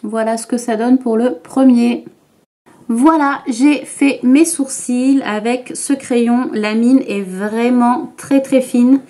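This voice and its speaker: Slow, chatty woman doing a makeup tutorial. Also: on the high side, steady tone, warm tone. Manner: chatty, hesitant with many fillers. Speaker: beauty vlogger. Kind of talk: makeup tutorial talk to camera.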